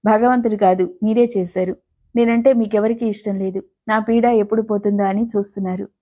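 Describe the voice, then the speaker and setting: A woman reading the part of a bitter, resentful young widowed woman in a family quarrel, sharp and accusing. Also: medium pitch, fairly even intonation, brisk, close to an everyday voice. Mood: bitter, angry.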